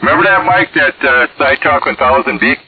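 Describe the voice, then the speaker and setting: A man of medium pitch speaks fairly quickly on the CB, chatting in a loose, hesitant, folksy style. The transmission sounds tinny and band-limited.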